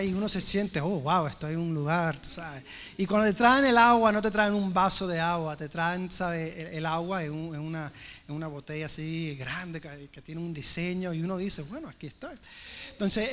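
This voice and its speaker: A man preaching by telling a chatty personal story, acting out the dialogue with animated energy. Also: sits high, slight background noise. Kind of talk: sermon storytelling.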